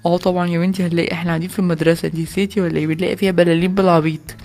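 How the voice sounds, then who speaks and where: A woman's voice: lowish voice, flat delivery, darkish tone, soft background music, lightly acted. A woman with an Egyptian accent voicing a mischievous young boy prankster in a toy play video. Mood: scheming. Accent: Egyptian Arabic. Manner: scheming, rapid chatter.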